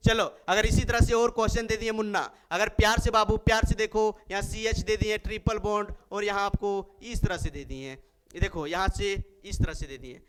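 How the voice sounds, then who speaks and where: A man's voice: sits high, fairly even intonation, fairly quick, a bit bright, slight background noise. A man teaching chemistry in a lecture, playful and affectionate with his students, counting carbons aloud and acting out their replies. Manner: playful, affectionate, calls students babu and munna; acts out students' replies in a sweet voice. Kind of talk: classroom lecture.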